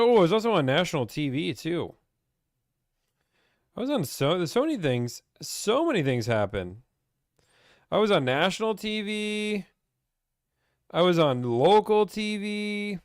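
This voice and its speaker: A man's voice: sits high, very animated, unhurried, pauses often, clean tone, no echo, studio quality. A young man from Pittsburgh, chatting casually as he reads and answers viewer questions about car buying on a live stream.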